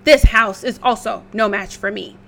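A woman voicing a greedy, boastful wolf who makes loud, menacing demands. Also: medium pitch, moderate pace, creaky, natural voice.

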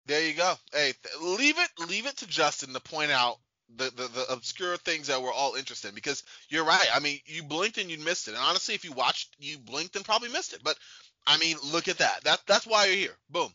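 A man co-hosting a casual sports podcast, animated and rambling, repeating himself as he talks. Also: a little high, a little fast, no room sound, highs cut off. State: sleepy, yawning late at night. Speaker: podcast co-host.

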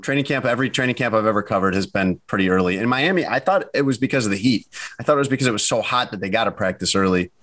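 A man's voice: on the low side, very fast, a bit bright. A man hosting a casual sports podcast, rambling and restarting his sentences, tired from early mornings, with dry jokes. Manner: rambling, self-interrupting, dry joking. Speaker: podcast host.

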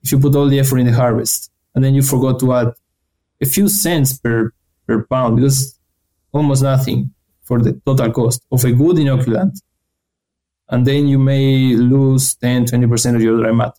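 A young man from Argentina, giving earnest, halting answers as an interview guest. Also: mid-range voice, steady tone, mellow, low-quality recording. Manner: earnest, halting, restarts phrases. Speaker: guest researcher.

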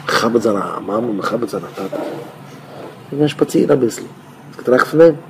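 A man, a rabbi, giving an informal Torah talk in a rambling, conversational way with sudden louder bursts. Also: mid-range voice, animated, fairly quick, creaky, slight background noise.

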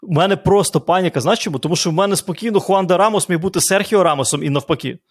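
A man's voice: sits high, very fast. A man who works as a football commentator, co-hosting a casual podcast chat, rambling and correcting himself as he talks.

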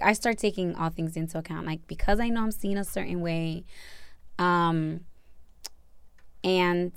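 A woman's voice: fairly low pitch, clear, resonant tone, no echo. A young woman co-hosting a podcast, talking candidly and bluntly in casual chat, often laughing. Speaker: podcast co-host.

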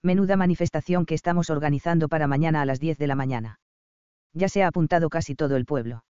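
A man's voice: on the high side, fast, a little mellow, clean tone, no echo, close to an everyday voice. Chatty meddling mother, read by a man, dry dull audio. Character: cheerful, meddling middle-aged mother on a ranch.

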